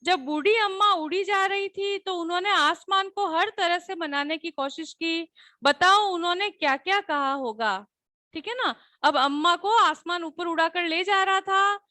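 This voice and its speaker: A woman teacher with a Hindi accent walks children through a textbook lesson patiently. Her voice sits very high and sounds bright and crisp. The recording is dry and close, with no room sound. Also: measured pace, no echo. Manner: patient, repeats questions, frequent "है ना?" tag checks. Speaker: school teacher.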